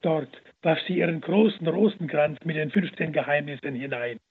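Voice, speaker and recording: A man's voice: fairly high pitch, moderate pace, husky. A man narrating a religious story aloud in an earnest, dramatic manner, heard over the radio. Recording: phone-like radio broadcast.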